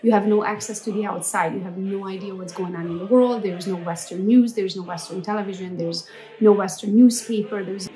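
A woman's voice: medium pitch, warm tone. A woman in her forties from Transylvania, telling her life story in a chatty, playful vlog and talking straight to her viewers. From Transylvania, Romania. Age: 40s. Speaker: entrepreneur vlogger. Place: home office with window, then old school building.

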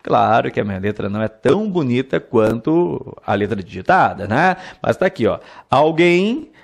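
Lively, coaxing male teacher. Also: medium pitch, moderate pace, vocal fry. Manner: animated, coaxes the viewer to answer aloud; repeats words and drills examples. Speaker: Portuguese teacher. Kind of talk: online exam-prep lesson.

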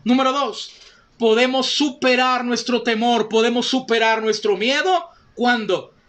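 A man preaches a sermon in a strikingly high voice. His delivery is fervent and direct, and he repeatedly calls his listeners brothers and sisters. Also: a little slow, fairly bright tone. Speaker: pastor.

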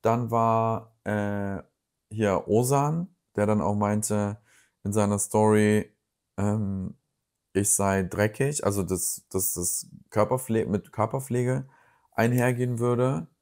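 Young german guy vlogging, chatty storyteller acting out the dialogue, voice a bit on the low side. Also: slow pace. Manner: chatty, animated retelling with quoted dialogue. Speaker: YouTuber recapping reality TV news. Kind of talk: casual storytime vlog.

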